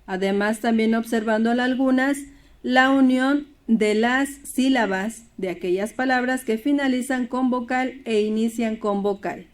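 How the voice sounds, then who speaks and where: A woman's voice: a little high, measured pace. A woman teaching a primary school Spanish lesson, explaining steadily and reading poems and word examples aloud.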